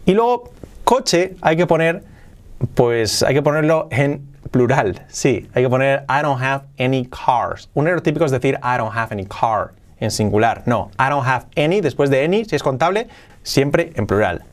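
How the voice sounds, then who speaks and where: A man teaching English phrases in a casual video lesson, repeating them slowly to drill pronunciation. His first language is Spanish. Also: medium pitch, expressive.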